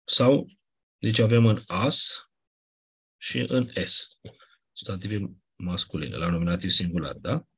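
Husky-voiced male teacher explaining grammar. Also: low-pitched, lively intonation, long pauses, fairly bright tone. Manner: patient explaining, frequent checks like "da?"; clears throat often. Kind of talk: classroom lecture on Ancient Greek grammar.

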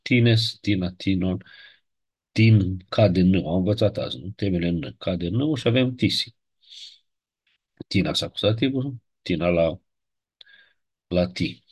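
Low husky-voiced man teaching grammar. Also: expressive, pauses often, a little mellow. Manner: patient, explains step by step, recites word forms; checks understanding with short tag questions. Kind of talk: ancient Greek grammar lesson.

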